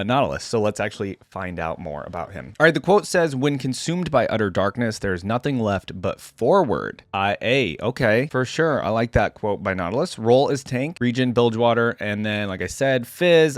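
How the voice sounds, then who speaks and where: A man with a fairly low voice hosts a YouTube reaction video, recorded dry at studio quality. He blends casual, informal commentary and conversational asides with lore he reads aloud.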